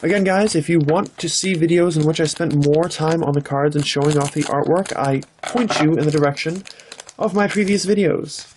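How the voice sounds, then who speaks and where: A man hosting his channel, chatting casually off camera while opening trading card packs and breaking into excited exclamations. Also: on the high side, normal speed, slight background noise. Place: indoors, filming from behind the camera.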